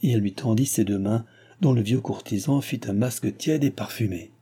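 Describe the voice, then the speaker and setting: A man narrates a classic novel as an audiobook, reading in a measured, even way. His voice is very dark and mellow. There is a faint husky grain to it. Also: on the low side.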